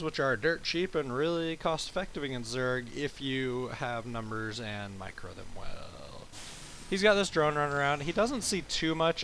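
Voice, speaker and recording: A man's voice: on the high side, fairly bright tone, a little hiss or hum. A tired man giving laid-back, rambling gameplay commentary, swearing casually as he explains his moves. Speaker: game commentator.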